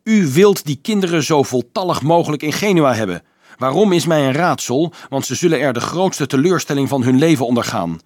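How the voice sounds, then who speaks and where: A man voicing a hot-tempered, defiant teenage boy who snaps and shouts, his voice cracking with rage. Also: fairly high pitch, animated, brisk, no echo, clean studio sound, pitched above the performer's own voice. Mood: angry. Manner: snapping, shouting in anger.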